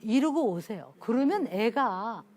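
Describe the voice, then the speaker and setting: Animated woman lecturing on parenting. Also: on the high side, unhurried. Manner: animated storytelling, acting out family dialogue.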